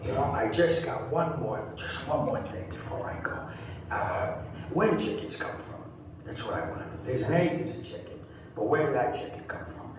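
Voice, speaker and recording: A man doing a comic impression of a bumbling, rumpled police detective who asks rambling, halting questions, in a distant, echoey clip with background noise. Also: medium pitch, animated, natural voice.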